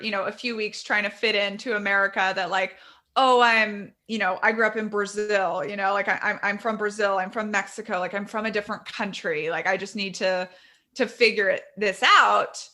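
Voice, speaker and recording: A woman in her thirties, a guest author, telling her story candidly in a conversational interview. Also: medium pitch. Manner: candid, quick, animated storytelling.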